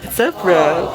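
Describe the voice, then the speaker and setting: A woman chats casually to her vlog viewers, teasing and giggling as she goes. Her voice sits low but swings widely in pitch. Loud music plays under her talk. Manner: teasing, giggly, often breaks into laughter. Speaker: couple vlogger, host.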